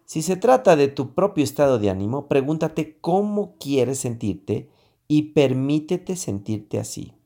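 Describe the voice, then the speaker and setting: A man's voice: medium pitch, very animated, a little slow, dark tone. A man coaching listeners on handling emotions in a motivational talk, asking himself questions aloud. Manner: asks himself questions aloud, switching between tú and usted. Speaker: self-help coach.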